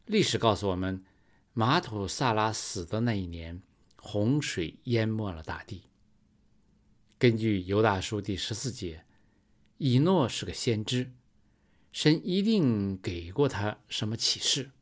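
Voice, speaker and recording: Slow, low-voiced male preacher. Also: lively intonation. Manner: slow, measured storytelling with emphatic rises. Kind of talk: sermon.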